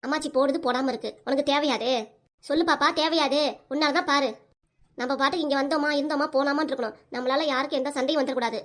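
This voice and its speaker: A woman's voice: high-pitched, fairly even intonation, fast talker, fairly bright tone. A woman voicing a short-tempered young mother who nags and scolds, with a southern Tamil accent. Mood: scolding. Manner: nagging, scolding.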